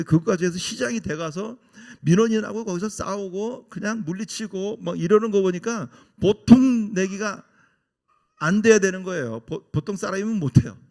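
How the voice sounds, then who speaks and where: Animated Korean-speaking male pastor preaching. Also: high-pitched. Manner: animated, acts out quoted people. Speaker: missionary pastor. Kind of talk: storytelling sermon.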